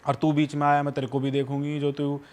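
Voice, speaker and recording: Man quoting an angry old ghost woman, low threats, slightly high voice. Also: completely flat delivery, fast talker, darkish tone, lightly acted. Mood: furious.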